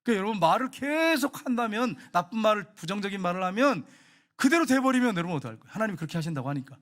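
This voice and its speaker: A man preaching a sermon as pastor, emphatic, repeating phrases and swinging from loud appeals to quiet asides. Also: high-pitched, big pitch swings, very fast. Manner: emphatic, repeats phrases, rises and drops sharply.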